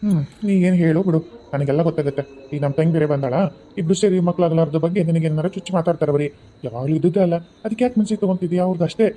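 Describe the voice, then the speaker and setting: A man's voice: a little high, very fast, mellow, a little hiss or hum, close to an everyday voice, poor audio. A man with a North Karnataka accent voicing a doting, playful young husband in a cartoon who teases affectionately. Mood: coaxing. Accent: North Karnataka Kannada. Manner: teasing, affectionate. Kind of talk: cartoon voice acting.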